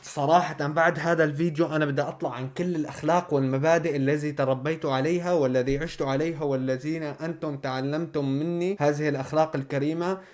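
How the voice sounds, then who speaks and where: A man's voice: a little high, fairly even intonation, fast talker, hardly any pauses, a little mellow. A man with a Levantine accent hosting a reaction video, sarcastic and exasperated. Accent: Levantine Arabic. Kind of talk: mocking commentary.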